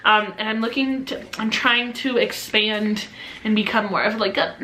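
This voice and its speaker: A woman's voice: medium pitch, fairly even intonation, moderate pace, pushed and bright. A young woman vlogger chatting casually through a beauty haul, full of "um" and "like" fillers. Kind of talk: casual product haul review. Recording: echoey room with faint noise.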